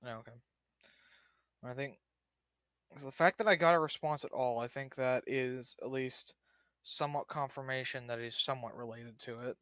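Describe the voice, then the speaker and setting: A man's voice: mid-range voice, fairly even intonation, moderate pace, long pauses, a bit bright, clear, resonant tone, dry recording. Hesitant man chatting, dry close sound. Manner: hesitant, rambling, reasoning aloud. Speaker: player in a tabletop role-playing game. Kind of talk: casual game-table chat.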